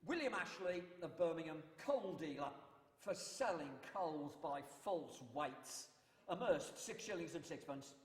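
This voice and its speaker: A man playing a pompous old-time town crier, proclaiming formal public notices in a loud ceremonial manner. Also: fairly high pitch, lively intonation, measured pace. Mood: stern, pompous. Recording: echoey hall with long reverb.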